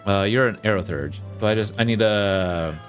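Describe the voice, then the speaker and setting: A man with a low voice gives casual commentary on a video game. He mutters and thinks aloud, with faint music playing behind him. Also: moderate pace.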